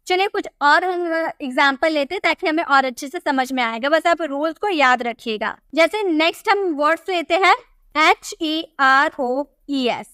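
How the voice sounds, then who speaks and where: A woman's voice: sits high, a bit bright, no room sound, clean studio sound. A woman teaching English pronunciation rules step by step, repeating words and quizzing the viewer. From India.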